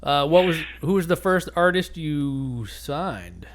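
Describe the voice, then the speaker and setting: A middle-aged man hosting a casual podcast interview, chatty and easygoing, tossing in quick affirmations. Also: on the high side, big pitch swings. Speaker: podcast host.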